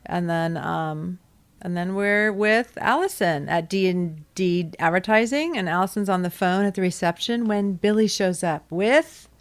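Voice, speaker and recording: A woman's voice: lowish voice, unhurried. Woman cohost on a rewatch pod, chatty, laughs a lot, trails off. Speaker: podcast co-host. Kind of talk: casual rewatch podcast chat.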